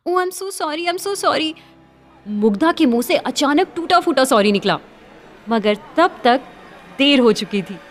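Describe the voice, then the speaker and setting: Woman narrating an audio story, high voice, smooth delivery, faint music behind.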